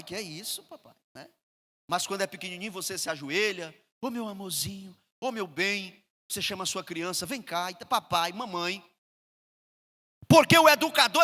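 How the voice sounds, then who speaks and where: A middle-aged Brazilian man preaching a sermon as pastor, swinging between loud emphasis and soft asides. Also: sits high. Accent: Brazilian Portuguese. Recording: reverberant hall.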